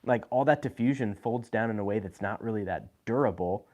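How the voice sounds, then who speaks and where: A man's voice: lowish voice, fairly quick, a little mellow. A man hosting a live video, talking casually about his gear, with frequent fillers and restarts. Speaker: host. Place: indoor room with lights.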